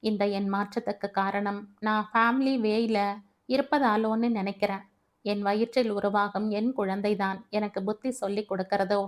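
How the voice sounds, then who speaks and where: A woman's voice: medium pitch, steady tone, moderate pace, lightly acted. A woman voicing a repentant young daughter. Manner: wistful, repentant confiding. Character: young pregnant woman, repentant daughter longing for her mother.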